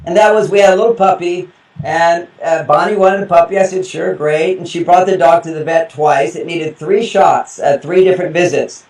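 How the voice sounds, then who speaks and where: Interview guest, man, relationship expert, high voice, animated and laughing, distant echoey mic. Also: brisk. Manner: animated, laughs often, acts out quotes. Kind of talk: interview storytelling. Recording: roomy echo, distant mic.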